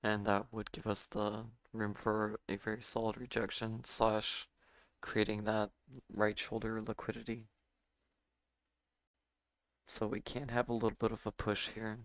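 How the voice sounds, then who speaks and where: A man with a hoarse, failing voice giving halting live trading commentary as host of a stream. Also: lowish voice, monotone, fairly bright tone, dry recording. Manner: halting, with fillers and throat clearing. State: hoarse, losing his voice. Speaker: day trading livestream host.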